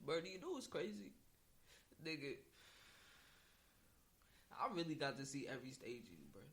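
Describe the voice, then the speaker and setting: Young man, slightly high-pitched voice, casual street slang, loose podcast chat. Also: wildly swooping pitch, normal speed, fairly bright tone.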